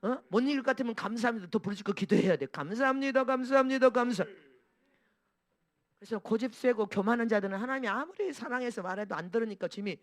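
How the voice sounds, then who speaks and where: A man with a high voice preaches at a rapid clip. He repeats phrases for emphasis and keeps asking the congregation to answer him. The sound is dry and close, with no room echo. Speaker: pastor. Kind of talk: preaching a sermon.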